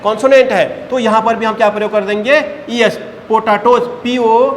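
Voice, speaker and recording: A male teacher with a fairly high voice and drills a class through grammar rules. He keeps asking and answering his own questions, calling the students beta. The sound is a roomy classroom with a long reverb tail and faint background noise. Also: steady tone, fairly quick.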